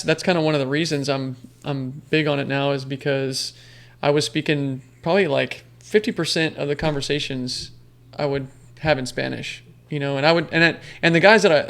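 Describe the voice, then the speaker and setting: A man's voice: a little high, creaky, a bit bright. A man talking casually as a podcast guest, telling rambling stories full of fillers and restarts. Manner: rambling storyteller with many fillers. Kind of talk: casual conversation.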